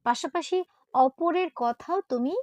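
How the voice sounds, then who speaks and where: A woman teacher patiently explaining a primary-school lesson, spelling out letters slowly with pauses. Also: high voice, a little mellow, no room sound. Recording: dull dry lo-fi sound.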